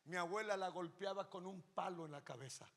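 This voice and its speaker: A man preaching a sermon as pastor, impassioned, moving between loud emphasis and hushed storytelling. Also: high voice, a little fast. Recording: long reverb of a large hall.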